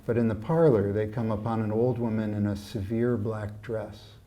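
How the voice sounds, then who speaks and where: A man giving a literary reading of his own novel at an evening event, in a measured, expressive storytelling manner. His voice is fairly low and mellow, with a warm, unhurried quality.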